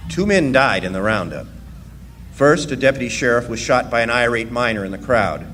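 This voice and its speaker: Performing live in a hall, a man plays a plainspoken striking miner who narrates his own story in a radio drama, sounding wry and matter-of-fact. His mid-range voice is close to everyday speech, lively in intonation at normal speed, with music behind it, long hall reverb and faint noise.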